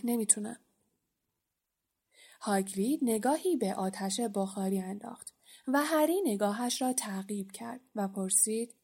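A woman narrating a storybook as an audiobook reader, with a steady, even reading. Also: mid-range voice, husky.

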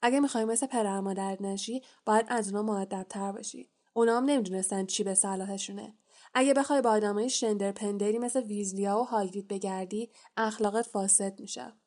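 A woman's voice: medium pitch, steady tone, darkish tone, natural voice. A woman voicing a haughty, sneering pale schoolboy wizard in an audiobook reading, with a taunting manner. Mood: menacing hush.

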